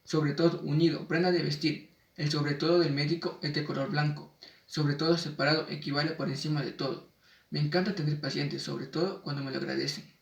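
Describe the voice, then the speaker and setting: A man's voice: on the high side, fairly even intonation, a little fast, vocal fry, distant mic. Man reading a spelling lesson, echoey. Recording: echoey room, voice off-mic.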